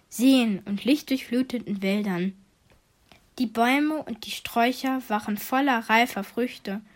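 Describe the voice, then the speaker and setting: A gentle young princess from a storybook, as a woman reads her part. Her voice sits a little high and soft, full of quiet wonder. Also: natural voice. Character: young kind hopeful princess.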